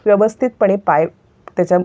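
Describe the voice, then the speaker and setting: Mellow-voiced woman narrating a serial recap. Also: medium pitch, brisk, muffled recording. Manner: retells scenes, voicing each character's lines lightly.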